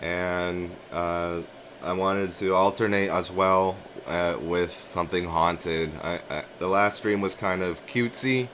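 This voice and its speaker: Guy with a low voice slowly retelling a dream, kinda halting, keeps rewording stuff, bit of room hiss. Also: steady tone, fairly bright tone. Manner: musing, halting, repeats and rephrases phrases as he goes. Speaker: narrator of a personal dream journal. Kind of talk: casual storytelling, recounting a dream.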